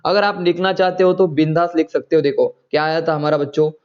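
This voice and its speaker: A man's voice: on the high side, fairly even intonation, fast talker, muffled recording. A man teaching chemistry in an online class, coaxing students and checking often whether they follow.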